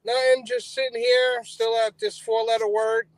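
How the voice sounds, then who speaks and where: A man joining a live stream as a guest in casual chat, halting with many fillers. His voice is muffled and tinny, as if inside a metal tank underwater. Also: very high voice, little pitch movement, slight background noise.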